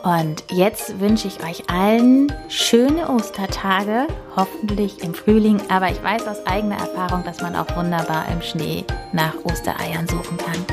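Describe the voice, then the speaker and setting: A woman reading a children's story aloud and signing off, gentle and unhurried. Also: on the low side, music in the background. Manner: gentle and unhurried, with lively inflection.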